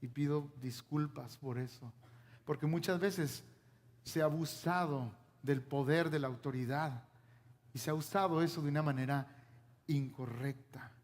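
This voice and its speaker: Mexican-born male pastor, high voice, sermon in a reverberant church hall. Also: a little slow. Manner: preaching with rhetorical questions to the congregation.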